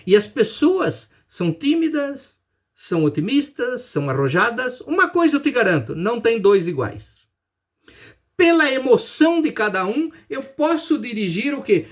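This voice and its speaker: A man with a Brazilian Portuguese accent giving a business lecture, emphatic, asking and answering his own questions. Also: sits high. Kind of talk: recorded lecture.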